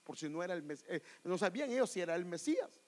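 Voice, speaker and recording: A man preaching a sermon, calling his listeners brother, dropping to hushed whispers and building to loud, fervent climaxes. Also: high-pitched, big pitch swings, quick pace, rough recording.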